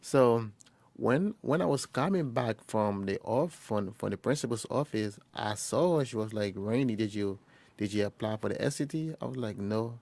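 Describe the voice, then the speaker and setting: A young man from Liberia speaks in a low, gravelly voice, recorded close in a dry, quiet space. He tells his story haltingly, restarting phrases and acting out short exchanges. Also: dry recording. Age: young adult. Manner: halting, with frequent restarts and quoted dialogue. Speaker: interviewee, first-year college student. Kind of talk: personal storytelling interview.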